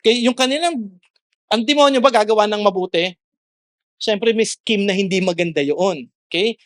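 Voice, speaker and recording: Earnest pastor preaching, dry close sound. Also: male voice, sits high, moderate pace, a bit bright, dry recording. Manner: earnest, mixes English into his preaching, rises sharply when exhorting. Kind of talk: sermon.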